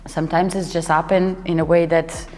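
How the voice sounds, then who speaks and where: A young woman, a dancer and choreographer, chatting as an interview guest and often pausing to search for words. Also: fairly low pitch, level tone, a little mellow. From Italy. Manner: searching for words, restarts sentences, laughs often. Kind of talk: casual interview talk. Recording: hall reverb with faint music behind.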